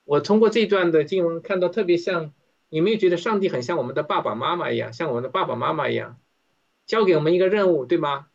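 A man leads an interactive Bible study in a slightly high voice. He talks conversationally and keeps turning questions to his listeners. The recording is dull and lo-fi. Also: animated, fast, vocal fry.

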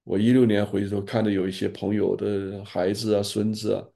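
A gravelly, dark-toned older male pastor speaks in a fairly low register. His voice is husky, and he gives earnest, fatherly advice in a relaxed pastoral sharing. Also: fast. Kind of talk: pastoral sharing in an online group.

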